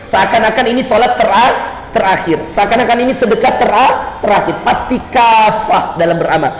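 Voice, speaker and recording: A middle-aged man preaching a mosque sermon, fervent, building to emphatic repeated lines and dropping soft when moved. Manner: fervent, rises to emphatic high repetitions, drops low and soft when moved. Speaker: ustadz, preacher. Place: mosque hall. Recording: echoey mosque hall, faint ambience.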